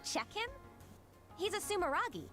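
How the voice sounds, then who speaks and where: A woman's voice: very high-pitched, very animated, moderate pace, faint music behind, full character voice. An actress voicing a cheerful, affectionate young woman who dotes on her older sister in a video game. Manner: bright, bubbly and affectionate.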